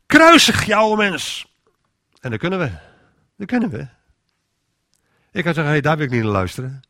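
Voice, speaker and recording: A man's voice: a little high, very animated, brisk, vocal fry, fairly bright tone, dry recording, clean studio sound. A man giving an informal sermon in a conversational way, often restarting his sentences and acting out inner voices. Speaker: preacher.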